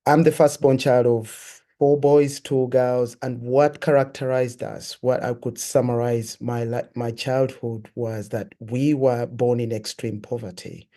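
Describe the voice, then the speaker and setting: Man from uganda, guest testimony, reflective, earnest, mellow dark tone. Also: medium pitch, steady tone. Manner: reflective, earnest, measured storytelling. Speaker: guest sharing his life story. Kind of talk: personal testimony in an interview.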